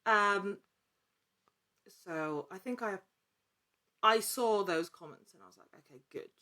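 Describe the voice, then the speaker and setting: A woman who is an actor and actual-play storyteller talks casually as a podcast guest. Her mid-range voice is bright and forceful, moving at a slow pace, and she's earnest, thinking aloud in broken phrases.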